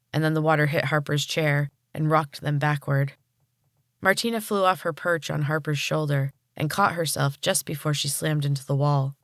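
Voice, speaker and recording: A woman podcast host narrating a storybook chapter in a calm, measured way. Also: low-pitched, no echo, studio quality.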